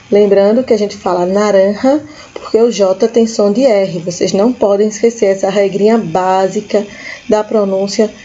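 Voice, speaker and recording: A schoolteacher with a Brazilian Portuguese accent delivers a recorded lesson for children, repeating every word slowly and patiently for her young learners. Her voice is medium-pitched and warm, though the audio sounds dull.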